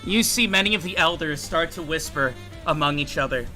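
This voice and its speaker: A man narrating as game master of a tabletop game in a dramatic, hushed way. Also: a little high, brisk, faint music behind.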